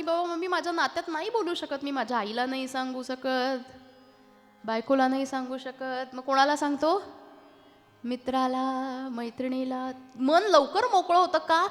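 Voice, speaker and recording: A woman with a Marathi accent performing a devotional kirtan in a temple, a lively talk that breaks into sung verses and teases the audience into answering back. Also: sits high. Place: temple hall. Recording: reverberant hall with faint music.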